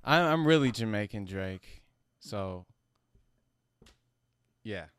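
A man who sounds high, talking casually about his music in a rambling, slangy, profane stoner manner. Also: animated, slow, a bit bright, clean tone. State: high from smoking. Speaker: musician being interviewed about own album. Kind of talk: casual chat.

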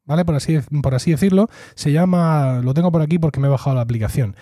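Here a middle-aged man hosts a casual podcast, narrating a story and voicing the dialogue he quotes. His voice is a little high and mellow, his pace quick, and the sound dry and clean as in a studio.

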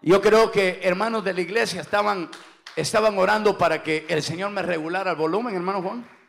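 A middle-aged male pastor preaching a Pentecostal sermon, shouting and throwing in "aleluya" and "hermano" between phrases. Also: high voice, a little fast, vocal fry.

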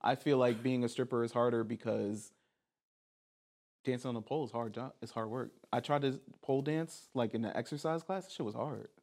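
A man's voice: medium pitch, brisk, darkish tone. A young man hosting a casual podcast with a mid-range voice. He argues his side with jokes and laughs often. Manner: joking, argumentative, laughs often. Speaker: podcast host. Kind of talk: casual chat.

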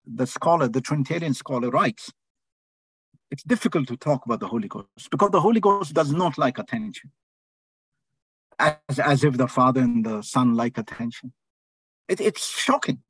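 A man's voice: a little high, husky, no room sound. A man preaching a sermon, calling out phrases for the congregation to repeat and stretching out key words for emphasis. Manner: call-and-response preaching, drawn-out emphatic phrases.

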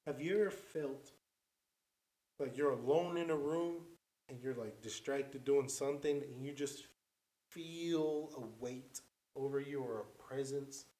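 A man's voice: medium pitch, measured pace, dark tone. A man telling a story in a casual podcast chat, rambling and loose, full of filler words and swearing. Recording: roomy echo.

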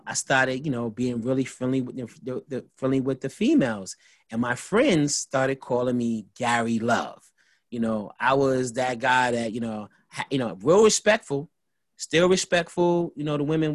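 Animated storytelling man, dry close mic. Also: medium pitch, no room sound. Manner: animated storyteller, acts out quoted voices, many "you know" fillers. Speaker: podcast co-host. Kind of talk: storytelling chat.

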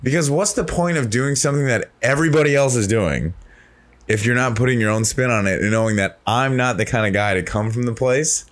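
A man's voice: mid-range voice, fairly quick. A man hosting a podcast, talking in a rambling, reflective way with many restarts. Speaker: podcast host. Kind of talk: casual chat.

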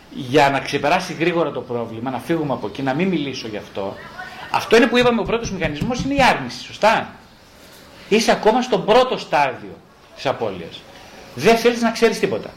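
Animated, fairly high-voiced male therapist. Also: low-quality recording. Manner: animated storyteller who acts out patients' lines; wry and mocking. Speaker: psychologist and psychotherapist. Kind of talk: conversational explanation in an interview.

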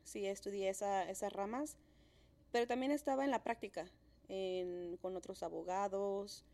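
A woman's voice: medium pitch, fairly even intonation, normal speed, mellow. A woman in her thirties from Mexico, a podcast co-host talking in a friendly, easy way. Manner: friendly, encouraging interviewer. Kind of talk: casual conversation.

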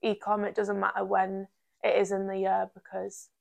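A woman's voice: mid-range voice, completely flat delivery, moderate pace, creaky, darkish tone. A woman of twenty-two with a Durham accent from North East England, chatting casually as a podcast guest and peppering her talk with "like". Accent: Durham, North East English. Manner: chatty, uses "like" constantly. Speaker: podcast guest, part-time model. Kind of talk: casual chat interview.

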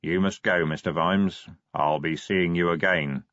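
A man voicing a calm, mysterious male sage who speaks slowly and in measured tones. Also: no room sound. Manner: slow, measured, deep, enigmatic. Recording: dry, slightly dull audiobook sound.

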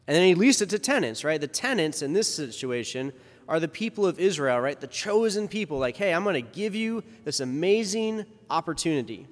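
A man's voice: a little high, very animated, a little fast. A male priest reads the gospel and then preaches a casual, conversational homily with asides, heard in a long cathedral-like echo. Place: large church. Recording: long reverb of a big church.

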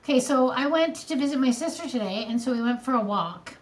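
A woman's voice: high-pitched, expressive, a little fast. A woman co-hosting a podcast in casual chat over a video call, giggling often. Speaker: podcast co-host.

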